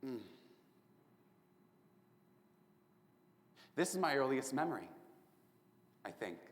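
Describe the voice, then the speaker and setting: A man's voice: big pitch swings, normal speed, natural voice. A man performing a charming, mocking young serial killer on death row in a competitive prose piece. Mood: sardonic. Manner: sardonic, swinging between loud outbursts and low hushed lines. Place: performance room at a speech competition. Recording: echoey hall reverb.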